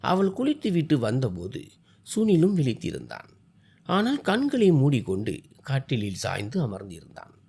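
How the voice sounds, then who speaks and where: A man tells a family story in an expressive, dramatic reading. His voice is dark and husky and sits a little high, and his pitch moves about freely. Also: moderate pace. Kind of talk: scripted story narration.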